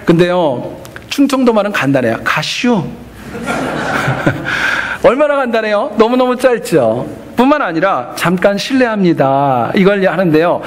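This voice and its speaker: A male pastor preaching a sermon in church, earnest and teaching, with humorous asides. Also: fairly high pitch.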